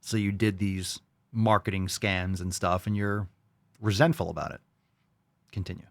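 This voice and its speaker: A man's voice: sits low, flat delivery, normal speed, creaky, no echo. Smug, sarcastic man, close dry sound. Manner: blunt, profane. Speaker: host of a reaction commentary. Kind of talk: off-the-cuff reaction commentary.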